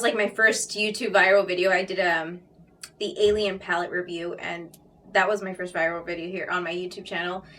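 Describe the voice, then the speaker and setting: A woman's voice: medium pitch, pushed and bright, distant mic. A woman beauty vlogger chatting casually and directly to her viewers about makeup. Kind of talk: casual makeup vlog talk.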